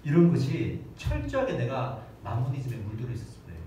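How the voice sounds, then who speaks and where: A male pastor in his thirties preaches a Sunday sermon in a large, echoey church hall, his mid-range, mellow voice swinging hugely in pitch at a quick pace. He dramatically acts out prayers and children's voices. The recording is very echoey, with a distant mic and faint noise.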